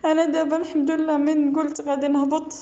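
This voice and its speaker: A Moroccan woman speaks over a landline phone, her high voice rushing along in a pleading, tearful way. She keeps repeating phrases and breaking off mid-word. The phone line is dull and lo-fi, and her tone is mellow. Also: flat delivery. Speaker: caller. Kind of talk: emotional call-in complaint.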